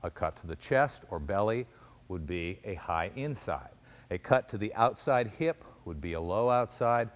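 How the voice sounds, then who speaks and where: Low-voiced man teaching with crisp fencing commands. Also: animated, lo-fi sound. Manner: measured explanation with crisp, clipped fencing commands. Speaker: fencing and self-defense instructor. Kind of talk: instructional demonstration.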